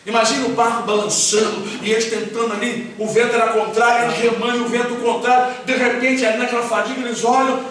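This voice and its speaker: A man's voice: very high voice, little pitch movement, quick pace. A man preaching a sermon as pastor, talking conversationally and often asking the congregation questions. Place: church hall with congregation. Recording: very echoey hall, voice far off, faint hiss.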